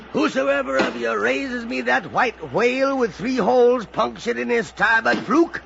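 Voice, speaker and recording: Captain Ahab, high, gravelly, obsessed whaler. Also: male voice, full character voice. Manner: commanding, declamatory, archaic seafaring speech. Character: obsessed, savage one-legged whaling ship captain. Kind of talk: old-time radio drama acting. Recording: hissy, muffled old radio recording.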